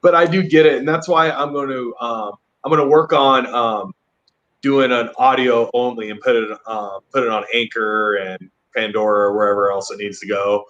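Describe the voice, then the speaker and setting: A male podcast host talking casually with a guest, enthusiastic and quick to chuckle. His medium-pitched voice comes through a muffled, lo-fi video call line. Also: steady tone, a bit bright. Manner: enthusiastic, chuckles between remarks. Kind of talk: casual interview chat.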